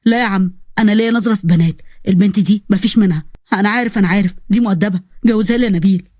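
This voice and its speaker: A woman's voice: medium pitch, racing, a little mellow, dry recording, studio quality, voice pushed down, lightly acted. A woman voicing a lovestruck young man with an Egyptian accent, pleading eagerly and insistently. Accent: Egyptian Arabic. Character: smitten young man, the officer's friend, pleading.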